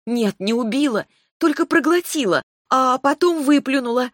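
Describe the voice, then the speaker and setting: A woman's voice: mid-range voice, lively intonation, moderate pace, dry recording, studio quality, natural voice. A woman voicing a stubborn young heroine who answers back sharply in an audiobook. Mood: defiant. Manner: defiant, sharp-tongued.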